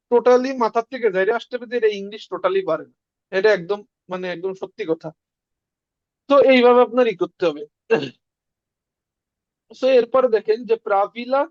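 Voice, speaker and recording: Higher-pitched woman drilling pronunciation. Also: no echo. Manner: drills sounds with repetition and quizzing questions. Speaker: language teacher. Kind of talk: beginner language lesson. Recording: dry, muffled lo-fi sound.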